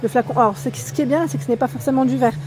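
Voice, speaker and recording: A woman's voice: high voice, fairly even intonation, rapid-fire, a little mellow. A woman with a French accent chatting casually as she walks a shop aisle, reading out labels and prices and asking viewers questions. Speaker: shopping haul vlogger. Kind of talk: casual store walkthrough. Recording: music playing behind.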